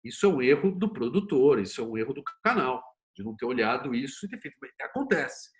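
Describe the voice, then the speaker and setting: This middle-aged man with a Brazilian accent is an interview guest, a series producer and screenwriter, speaking fast and very animatedly at medium pitch. His talk is colloquial, opinionated and full of anecdotes, with a little hiss or hum in the audio.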